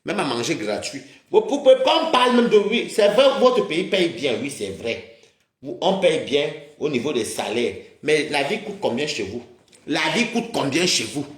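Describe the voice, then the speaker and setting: Ranting heatedly on his livestream, a man berates and ridicules his audience, addressing them as maman. He speaks at a moderate pace in a slightly high, sing-song voice, and the sound is echoey and roomy.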